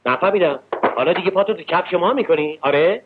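A man's voice: sits high, lively intonation, noisy background. An actor playing a pushy, quarrelsome man who scolds and presses the bank manager. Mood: scolding. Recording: tinny old film soundtrack with music.

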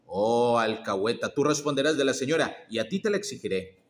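A man reading the lines of a menacing male ghoul, gruff and threatening. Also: mid-range voice, lively intonation, a little fast, lightly acted.

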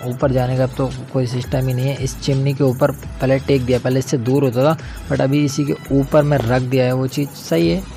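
A man's voice: mid-range voice, flat delivery, normal speed, creaky, mellow, faint music behind. A young man giving casual, slangy commentary over his own gameplay as a gaming channel host, chatting to viewers like friends. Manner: chatty, slangy, keeps calling viewers brother.

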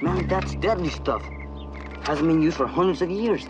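An actor playing an easygoing, wry crew member in a 1970s TV adventure drama, talking casually. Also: male voice, a little high, moderate pace, natural voice. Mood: alert. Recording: loud music under dated TV soundtrack.

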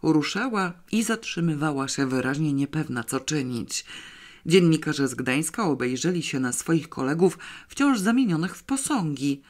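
A reader narrating a comic novel aloud, with a lively, dry comic delivery. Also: mid-range voice, moderate pace. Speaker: audiobook reader. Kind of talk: scripted narration.

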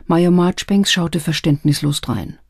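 A woman narrating an audiobook in calm, scripted storytelling. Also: on the low side, normal speed, breathy edge, no room sound. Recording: dry close studio sound.

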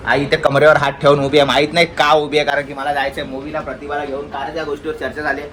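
A man's voice: a little high, level tone, quick pace, a crowd in the background. A young man, chatting casually to viewers and family in a home vlog shot on a phone. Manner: chatty, addresses viewers directly. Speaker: vlogger.

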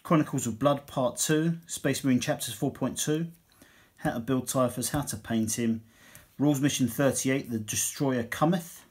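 A man's voice: mid-range voice, moderate pace, darkish tone, husky. A man casually reviewing a hobby magazine, reading passages aloud and adding dry asides. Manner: chatty, dry asides, reads text then comments.

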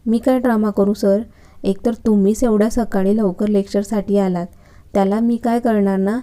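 A cheeky, bold young student from a storybook romance, as the narrator reads her, teasing and talking back. The tone is very dark and mellow and stays level, with little lift in pitch. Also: steady tone, moderate pace, close to an everyday voice.

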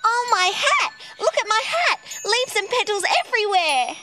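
A woman's voice: very high-pitched, very animated, normal speed, pushed and bright, faint music behind, heavily acted. A woman voicing a cheeky little female puppet creature for children's TV, playful and sing-song. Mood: excited.

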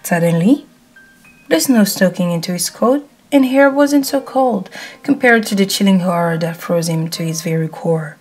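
Calm woman narrating fanfiction. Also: on the low side, normal speed, faint music behind. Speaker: fanfiction reader.

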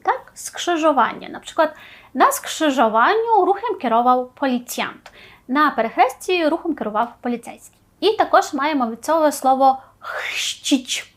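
A woman with a high voice teaches an online language lesson. She explains each word, gives an example sentence with its translation, and keeps checking in with a quick questioning "tak?".

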